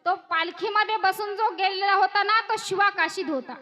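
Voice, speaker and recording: A woman's voice: very high voice, steady tone, moderate pace, sharp tone, some chatter behind. A woman telling a devotional story as a kirtan preacher, acting out voices with emotional swells and addressing women in the audience. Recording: dull lo-fi recording.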